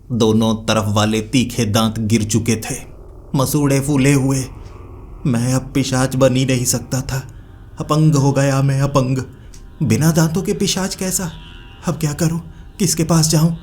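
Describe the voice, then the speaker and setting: A man narrating a dark, funny horror story in the first person, dramatic and given to repeating lines for effect. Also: on the low side, slight background noise.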